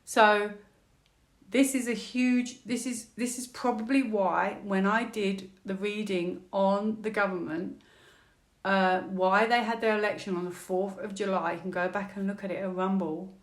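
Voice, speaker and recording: A woman from the United Kingdom doing a tarot reading on her vlog, thinking aloud as she draws cards and often breaking into excited squeals. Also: mid-range voice, measured pace. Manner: chatty, thinks aloud while drawing cards, with frequent fillers; bursts into excited squeals and laughter. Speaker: tarot reader.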